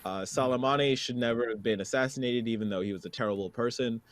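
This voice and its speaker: A man co-hosting a podcast, reading a news item aloud and giving measured opinions in casual political talk. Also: mid-range voice, dry recording. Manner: reads news aloud then comments, measured. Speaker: podcast co-host.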